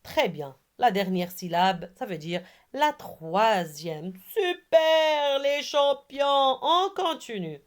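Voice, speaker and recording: A woman's voice: lowish voice, very animated. A woman teaching a reading lesson to young children, spelling out words syllable by syllable and praising her pupils. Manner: slow, syllable by syllable, has pupils repeat after her; encouraging. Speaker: primary school teacher.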